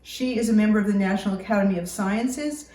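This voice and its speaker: A woman giving a formal, scripted podium speech introduction in a measured, read-out delivery. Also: mid-range voice, dark tone. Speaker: academic introducing a keynote speaker. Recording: roomy echo, distant microphone.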